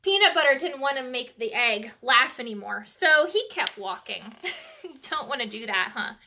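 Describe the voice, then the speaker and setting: In dull audio, a woman with a voice that sits high reads children a bedtime story. Her delivery is animated and chatty, with pauses to ask the listeners questions.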